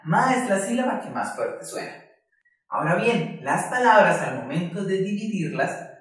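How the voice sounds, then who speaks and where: A primary school teacher giving a virtual class to young children, patient and slow, stretching out each word syllable by syllable. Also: mid-range voice. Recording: very echoey room, voice far from mic.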